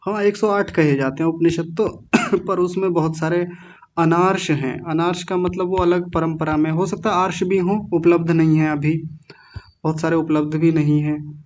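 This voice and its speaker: A man teaching an online class, slowly drilling the correct pronunciation of each word. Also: fairly high pitch, fairly even intonation, darkish tone, muffled recording. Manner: slow, careful pronunciation drill.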